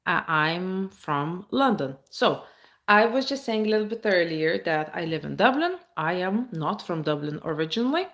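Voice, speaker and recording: A woman's voice: lowish voice, big pitch swings, normal speed, a bit bright. A woman from the states, chatting casually on a phone live stream, reading viewer comments aloud and answering them. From Baltic states.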